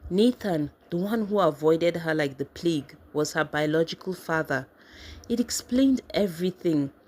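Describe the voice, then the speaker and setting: A woman narrating a family drama story in a steady, even reading voice. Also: low-pitched, moderate pace.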